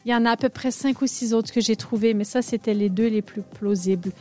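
A woman's voice: a little high, fairly even intonation, fairly quick, warm tone. A woman radio columnist running a cocktail quiz in casual chat, explaining at length and laughing easily.

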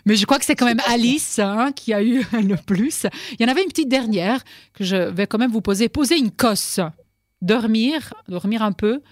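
A woman's voice: on the high side, normal speed, no echo. A woman hosting a radio quiz from a studio, teasing her guests and laughing often between questions.

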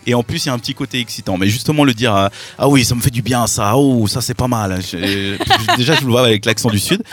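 A man's voice: mid-range voice, animated, fast talker, a bit bright, soft background music. A man chatting casually in a studio, hesitant and full of fillers and restarts.

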